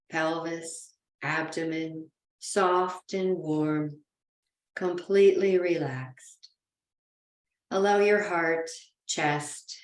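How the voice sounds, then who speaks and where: In a roomy, echoing space, a woman guides a yoga nidra relaxation, speaking very slowly and soothingly. Her voice sits a little low, and she leaves gentle pauses between phrases.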